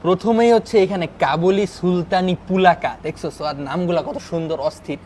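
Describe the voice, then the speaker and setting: A young man hosting a food review vlog in a restaurant, talking excitedly and emphatically, often asking "okay?". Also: high-pitched, a little fast, a little hiss or hum. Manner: excited, emphatic, keeps asking "ঠিক আছে?". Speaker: food vlogger. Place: restaurant dining room.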